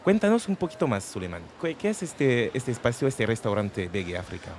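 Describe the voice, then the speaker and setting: A man's voice: medium pitch, very animated, brisk, darkish tone, a little hiss or hum. A man hosting a casual interview, asking questions with frequent stumbling restarts. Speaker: host.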